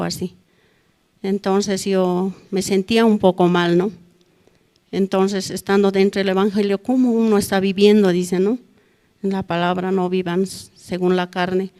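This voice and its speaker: A woman's voice: mid-range voice, a little mellow. A middle-aged woman gives a spoken testimony at a church prayer service, ending nearly every phrase with a questioning "no?". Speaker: church member giving testimony. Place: church hall.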